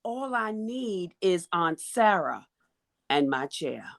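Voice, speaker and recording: A woman's voice: lowish voice, big pitch swings, slow pace, gravelly. A woman on a video call, a panelist who performs a spoken-word poem and speaks with a rhythmic, emphatic delivery. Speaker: panelist, menstrual health advocate.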